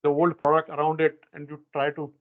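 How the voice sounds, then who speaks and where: A man with an Indian accent moderating a semi-formal discussion in a halting way, repeating phrases as he goes. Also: a little high, completely flat delivery. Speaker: panel moderator. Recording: tinny, phone-like call audio.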